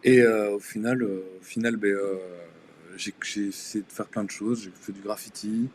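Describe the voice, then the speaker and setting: This is a guest illustrator and tattoo artist, a young Danish-speaking man from Denmark, talking in French, which isn't his native language, during a relaxed live-stream chat. His pitch is fairly low and fairly flat, delivered at normal speed, though his phrasing is halting, full of fillers and false starts. The recording has slight background noise.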